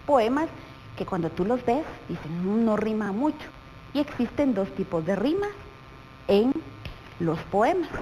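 A woman teacher with a Guatemalan Spanish accent, explaining a lesson to young pupils slowly and patiently, often asking them questions. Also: on the high side, darkish tone, slight background noise, rough recording. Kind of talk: televised primary school lesson.

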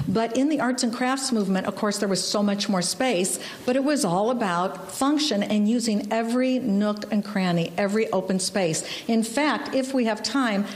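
A middle-aged woman, an interior designer, explaining design with enthusiasm on a live TV tour inside a large old house, into a handheld mic. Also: on the high side. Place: large historic house, indoors. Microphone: handheld reporter mic.

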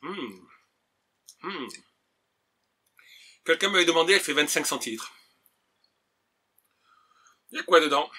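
A man's voice: a little high, lively intonation, measured pace, pauses often, sharp tone. A man casually chatting while unboxing and tasting snacks on camera, hesitant and full of fillers. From France. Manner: chatty, hesitant, many "euh" and "voilà". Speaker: vlogger tasting food.

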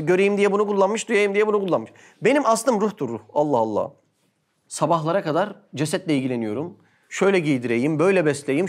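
A man giving an animated religious sermon talk, full of rhetorical questions and exclamations. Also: sits high.

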